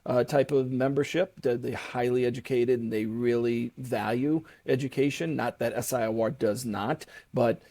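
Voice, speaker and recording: Gravelly, mellow-voiced man explaining at length. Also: medium pitch, fairly even intonation, moderate pace, few pauses. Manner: explains at length with fillers and restarts. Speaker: guest, commercial real estate broker. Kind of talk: conversational interview.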